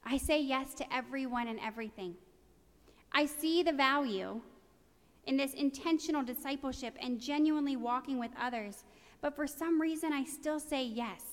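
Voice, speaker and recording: A woman's voice: high voice, moderate pace. Woman preaching in an echoing hall. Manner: earnest, conversational and self-deprecating. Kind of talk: sermon. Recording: long reverb of a large hall.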